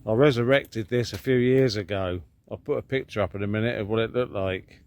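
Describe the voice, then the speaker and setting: A British man with a fairly low voice hosts a casual repair vlog. He thinks aloud as he works, rambling along in a plain, matter-of-fact manner. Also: brisk. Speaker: vlog host doing DIY car repairs. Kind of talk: casual chat and work commentary.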